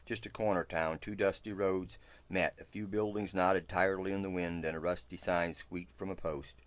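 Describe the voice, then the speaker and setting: A man reading a first-person western story aloud, in a steady, low narration. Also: moderate pace, no echo.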